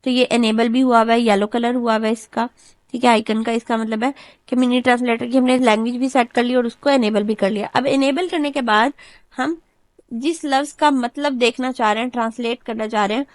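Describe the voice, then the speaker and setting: A woman tutor patiently talking through a screen-recorded software lesson step by step. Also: fairly high pitch, fairly even intonation, brisk, dry recording. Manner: patient step-by-step explaining, often repeats "okay, done". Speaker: computer tutor.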